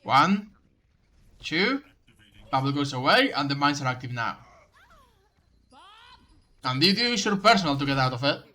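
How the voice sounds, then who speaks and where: A man's voice: mid-range voice, expressive, normal speed, pauses often, pushed and bright. A man reviewing someone's game footage, coaching them in casual commentary, often stumbling and restarting his sentences. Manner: coaching, direct advice.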